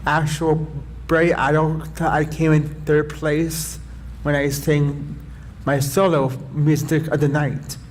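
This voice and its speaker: A man in his twenties speaking on a panel, careful and measured. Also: a little high, flat delivery. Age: 20s. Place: conference hall. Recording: noisy conference hall.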